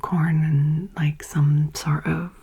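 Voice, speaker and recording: A woman chatting informally in a soft, breathy ASMR whisper, gentle and rambling, close to the microphone. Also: sits low, flat delivery, slow. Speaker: ASMR video host.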